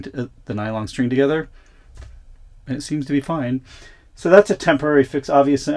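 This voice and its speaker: A man's voice: medium pitch, a little mellow. A man vlogging casually, chatting and thinking aloud while fixing things on his van. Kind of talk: casual vlog narration.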